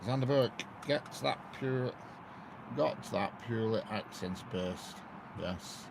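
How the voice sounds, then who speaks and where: A man from northwest England with a Lancashire accent, speaking low, slow and gravelly, chats casually on a live stream from outdoors by a railway line. He greets viewers by name and laughs often, and the stream is noisy.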